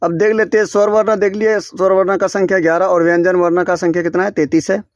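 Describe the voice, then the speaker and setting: In a small room beside a board, a fast-talking man with a fairly high voice teaches a classroom-style grammar lesson, asking each question and answering it himself in a steady drill. He frequently stops to restart or correct a word, and the sound is dry and close with little echo.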